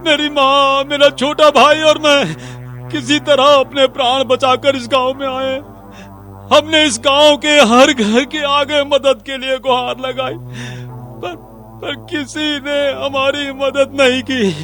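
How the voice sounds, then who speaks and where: A man plays a terrified outcast boy, pleading slowly in a high, flat, bright voice that halts and restarts. The piece is a staged street play. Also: faint music behind, exaggerated voice. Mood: frightened. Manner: pleading, halting.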